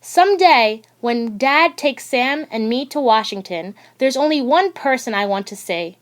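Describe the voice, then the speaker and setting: A fairly high-pitched woman serves as audiobook reader for a children's picture book, narrating it with deliberate, expressive storytelling.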